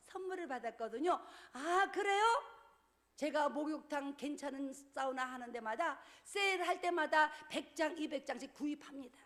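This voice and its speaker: High-voiced woman preaching with lively stories. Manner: animated, acts out dialogue with laughter. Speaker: church deaconess preaching. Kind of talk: lively storytelling sermon. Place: church sanctuary.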